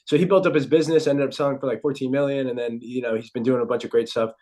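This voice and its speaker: Fast-talking upbeat male host. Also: medium pitch, fairly even intonation, dark tone. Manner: enthusiastic, upbeat praise. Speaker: podcast host. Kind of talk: casual interview chat.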